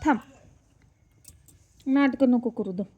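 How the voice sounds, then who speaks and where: A woman's voice: on the high side, slow, slightly rough, phone-quality sound. A woman talking to her pet at home in affectionate, coaxing baby talk, sometimes scolding it playfully. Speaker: pet owner.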